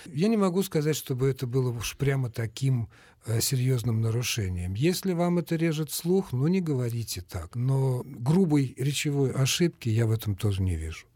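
A man speaking as a language expert on a radio call-in show, answering in a measured, explanatory way. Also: mid-range voice, animated, dark tone, no room sound, studio quality.

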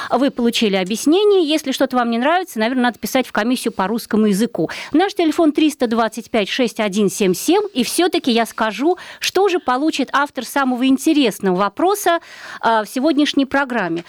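A woman's voice: on the high side, no room sound. A woman hosting a live radio call-in show, talking at length in an articulate, chatty way.

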